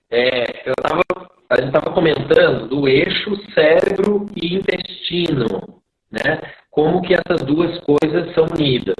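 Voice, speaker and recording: A man hosting a live video chat, explaining slowly, his voice coming through a choppy, breaking-up online call. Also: fairly high pitch. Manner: explaining slowly, checking the connection. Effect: choppy, breaking-up online call audio. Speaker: live-stream host. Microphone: computer mic on a video call. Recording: tinny, echoey online call line.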